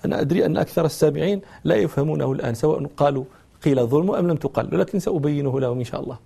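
A man giving a religious lesson, telling a story and patiently explaining grammar with lively rhetorical questions. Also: fairly high pitch, very fast, vocal fry, slightly rough. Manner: explains grammar patiently, acts out quoted dialogue. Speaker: Islamic scholar and teacher.

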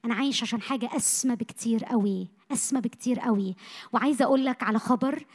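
A woman preaching a sermon to young people, passionate, moving from loud bursts to hushed lines, her voice a little tired. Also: fairly high pitch, racing. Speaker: missionary speaker. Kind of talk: sermon to a youth meeting.

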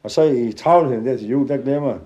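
A man tells a funny anecdote to a live audience in a lively, chuckling way. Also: medium pitch. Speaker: storyteller. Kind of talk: comic storytelling to a live audience.

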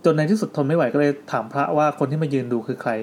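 Fast-talking male host telling ghost stories. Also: a little high, a little mellow, a little hiss or hum. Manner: storytelling, reads letters aloud with asides. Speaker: podcast host. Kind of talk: retelling listener ghost stories to co-hosts. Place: indoor studio with co-hosts.

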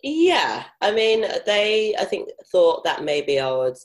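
A woman's voice: mid-range voice, sing-song, takes it slowly. A young adult woman with a mild South London accent, chatting candidly and informally as she tells personal stories in an interview. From South London, England. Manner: informal, frequent swearing and filler "like". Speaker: interview guest. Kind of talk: candid casual chat, telling personal stories.

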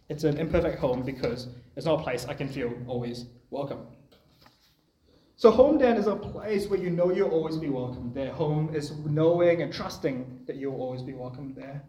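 A man's voice: a little high, lively intonation, normal speed, warm tone, echoey room, poor audio. A young man preaching a sermon in a church, speaking in a conversational, personal way.

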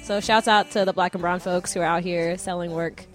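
A woman's voice: fairly low pitch, steady tone, brisk, faint music behind. A woman guest at an art book fair, talking in an upbeat, slangy, casual way. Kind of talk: casual chat.

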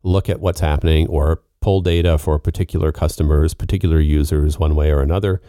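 A man's voice: rumbling low, steady tone, fairly quick, warm tone, no room sound, studio quality. A man co-hosting a casual work podcast, explaining technical things plainly and patiently. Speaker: co-host.

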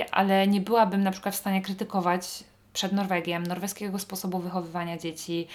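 A Polish woman hosting a podcast, talking in a chatty, wry monologue with frequent fillers. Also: fairly low pitch. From Poland. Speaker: podcast host. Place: northern Norway.

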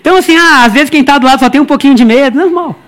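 A man with a high voice preaches to a church congregation in a loose, joking way. He talks straight to his listeners, calls them brother, and slips into the voices of the people in his stories. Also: racing, a bit bright. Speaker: pastor. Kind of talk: lively humorous sermon.

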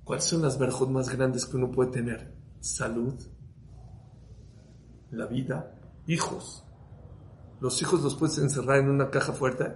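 A man preaching as a rabbi, swinging from hushed to loud and firing rhetorical questions at his listeners. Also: mid-range voice, fairly even intonation, unhurried, long pauses, a little hiss or hum. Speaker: rabbi giving a Torah talk. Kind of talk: sermon to a live audience. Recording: roomy echo.

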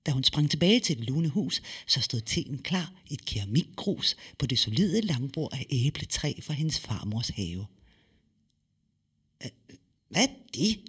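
A man reading a story aloud with lively, expressive delivery and dramatic pauses. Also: medium pitch, slightly rough. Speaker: narrator.

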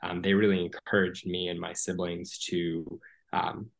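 Interview guest, man in his 30s from the US: low, level delivery, earnest, lots of "um"s. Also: level tone, vocal fry. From United States. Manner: earnest, measured, many "um" and "you know" fillers. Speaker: guest, former political appointee. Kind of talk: podcast interview.

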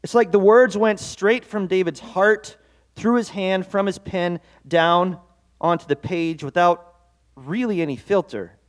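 High-pitched and unhurried, this man preaches a devotional sermon as pastor. Coming from Norwegian-American heritage, he speaks earnestly and conversationally, poking fun at himself now and then.

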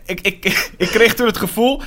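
Bright-voiced man in animated chat. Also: sits high, normal speed. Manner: animated, laughing, acts out quotes. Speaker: podcast co-host reviewing a theatre show. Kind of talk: casual chat.

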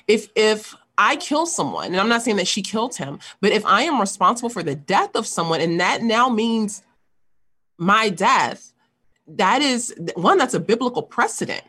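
A woman's voice: medium pitch, a bit bright, husky. A woman in casual discussion, speaking earnestly and thinking aloud with frequent fillers.

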